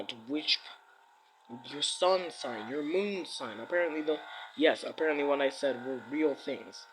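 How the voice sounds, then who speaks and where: A man's voice: medium pitch, fairly bright tone, slight background noise, low-quality recording. A man, a YouTuber, rants to camera in a scoffing, dismissive way that rambles with many restarts. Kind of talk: casual rant to camera.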